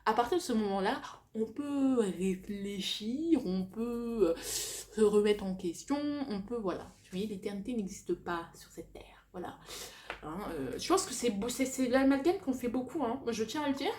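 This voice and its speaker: A young woman vlogger with a lisp and slushy s sounds, chatting casually and confessionally to viewers, halting and correcting herself, dropping in slang and bits of English. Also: a little high, darkish tone.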